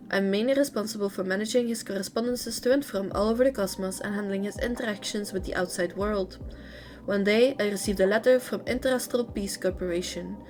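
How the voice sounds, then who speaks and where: An earnest, devoted young female assistant, read aloud by a woman. She recounts things eagerly and sincerely at a middle pitch. Faint music plays under her. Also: a little mellow, natural voice.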